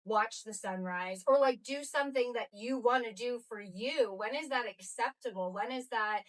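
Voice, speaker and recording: A woman's voice: on the high side, normal speed, recorded from a distance. Earnest woman co-hosting a podcast, a bit off mic. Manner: earnest, emphatic, repeats herself for stress. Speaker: podcast co-host. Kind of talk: casual chat.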